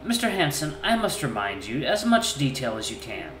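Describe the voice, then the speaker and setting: A man voicing a calm, formal male hyena who questions a suspect in measured, precise, polite phrases. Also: medium pitch, slight background noise, voice pushed up. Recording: echoey room with faint music.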